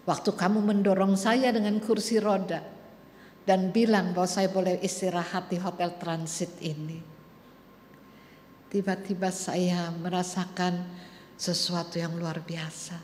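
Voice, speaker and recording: A woman voicing a frail, lonely old grandfather who speaks softly and wearily. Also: lowish voice, little pitch movement, measured pace, a little hiss or hum, close to an everyday voice. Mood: tender. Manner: soft, plaintive and weary. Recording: echoey church hall.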